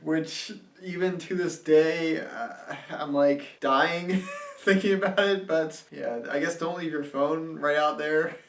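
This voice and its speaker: A man telling a personal story in a casual vlog, animated and laughing often as he talks. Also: a little high, slow pace, creaky. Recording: roomy and a bit distant from the mic.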